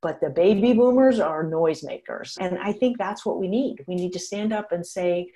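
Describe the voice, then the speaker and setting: A woman in her fifties from the United States, a geriatrician and author, answers interview questions frankly and with energy, her voice on the low side at normal speed. She's animated and laughs now and then as she talks.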